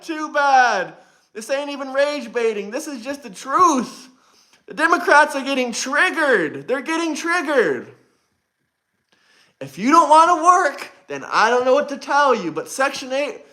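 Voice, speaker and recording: A brash young man hosting a live stream, talking straight to his chat and repeating his points. His voice sits very high for a man and rings bright and forceful. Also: sing-song, moderate pace. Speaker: livestream host. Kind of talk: casual livestream chat.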